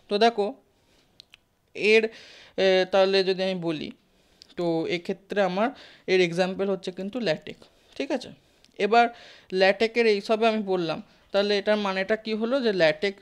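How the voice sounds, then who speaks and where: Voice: mid-range voice, clean tone. A teacher giving a live class lecture, talking conversationally, often checking in with listeners, asking the class questions and mixing in English terms. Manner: sprinkles English terms into the talk.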